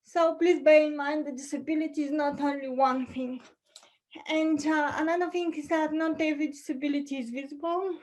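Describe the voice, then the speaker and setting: High-voiced young woman from Bulgaria. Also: fairly even intonation, a little mellow, low-quality recording. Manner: careful, slightly halting delivery with fillers. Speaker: conference speaker. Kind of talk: presenting slides in a talk. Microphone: video call.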